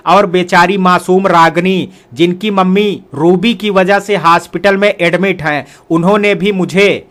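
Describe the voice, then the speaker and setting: A stern young brother, as a man reads him aloud, scolding his sister in an earnest voice. The voice sits high for a man. It is a storybook character in a Hindi audio tale. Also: fairly even intonation, unhurried, fairly bright tone. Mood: angry. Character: young adult brother, stern but patient.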